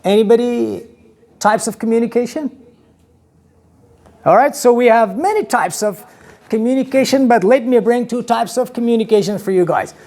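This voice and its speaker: A man in his thirties from Afghanistan, with an Afghan accent, teaches an animated English lesson in a small classroom, gesturing widely and asking his students questions. His voice is extremely high-pitched, at a moderate pace with long pauses. The classroom lecture is picked up by a camera across the room.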